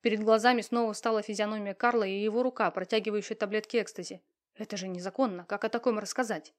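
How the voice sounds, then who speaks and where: A woman narrating a romance novel aloud in an expressive, dramatic storytelling manner. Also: mid-range voice, quick pace. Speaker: audiobook narrator. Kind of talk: scripted narration.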